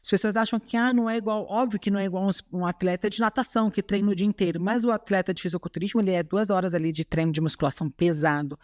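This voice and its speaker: A woman's voice: medium pitch, steady tone, very fast, few pauses, darkish tone, no echo, studio quality. A woman from Chile with a Brazilian Portuguese accent, a podcast guest talking earnestly in casual chat. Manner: earnest, tags remarks with "sabe?". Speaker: guest, bodybuilding athlete.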